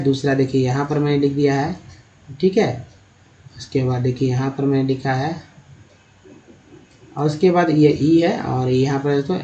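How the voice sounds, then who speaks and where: A man's voice: on the high side, a little mellow, dull audio. A man with a Hindi accent teaching English pronunciation, patiently drawing out the words he demonstrates. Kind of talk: explaining pronunciation to learners.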